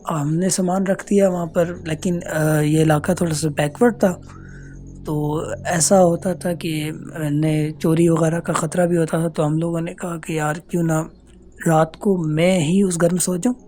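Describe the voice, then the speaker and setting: A man telling a true ghost story as a casual voice note, earnest and hesitant, pausing often. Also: on the high side, fairly even intonation, warm tone, a little hiss or hum. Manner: earnest, unhurried, hesitant with many pauses. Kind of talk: casual spoken recounting of a true horror experience. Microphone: phone voice note.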